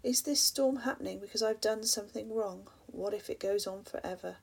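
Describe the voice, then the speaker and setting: A woman reading rhyming spoken-word poetry aloud in a soft voice that often drops to a breathy half-whisper, at times turning to ask the listener reflective questions. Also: mid-range voice, fairly quick.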